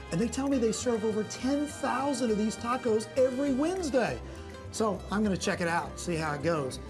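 Young guy tv reporter out on location, upbeat, pushy w questions, music under it. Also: sits high. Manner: upbeat, confronting. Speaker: restaurant reporter. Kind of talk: TV news field report. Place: outdoors on location and in a restaurant.

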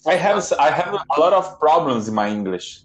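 A man's voice: a little high, very animated, brisk. A man in his thirties from Brazil with a Brazilian accent, a Portuguese speaker working through English in a hesitant way, searching for words and correcting himself on a webcam in a home office. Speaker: English learner and channel host. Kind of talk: casual video call chat. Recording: dull, roomy webcam audio.

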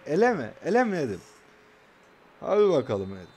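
Excitable young man calling his match. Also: fairly high pitch, a little fast. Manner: excitable, trash-talking his opponent, calls out passes. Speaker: gamer commentating his own match. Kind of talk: casual gameplay commentary.

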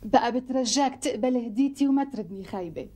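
An actress playing a polite, apologetic young doctor who speaks with a Syrian Arabic accent in a TV sitcom. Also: female voice, fairly high pitch, fast talker, dark tone, close to an everyday voice. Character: polite young female doctor, sheepish gift-giver. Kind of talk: TV sitcom acting.

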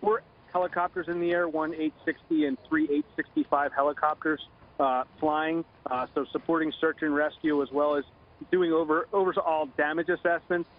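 A middle-aged man giving a halting official briefing in a live news interview over the phone. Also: a little high. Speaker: Coast Guard commander, phone interviewee. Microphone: phone line. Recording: dull lo-fi phone line.

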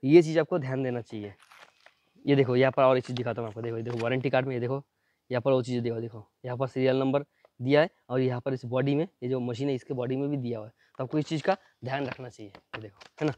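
Fast-talking man demoing gadget. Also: mid-range voice, steady tone, a little mellow, slight background noise. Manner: fast, chatty, repeats "ye dekho" constantly. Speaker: product reviewer. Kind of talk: casual unboxing demo. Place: at home near a building site.

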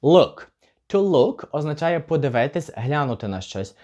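A young man teaching a beginners' English lesson, explaining grammar and slowly modelling example sentences for learners to repeat. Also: fairly high pitch, very animated, warm tone. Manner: slow, careful model pronunciation of example phrases.

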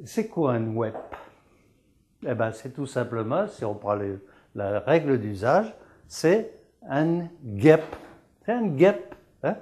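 On television, a man teaches the local dialect, explaining words, repeating them, and posing questions he then answers himself in a didactic manner. His medium-pitched voice is sing-song and darkish, and he speaks slowly with frequent pauses.

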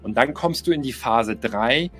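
A man's voice: mid-range voice, animated, a little slow, a bit bright, soft background music. A middle-aged man giving a motivational coaching talk, emphatic, repeating key phrases and speaking straight to the listener. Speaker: life coach.

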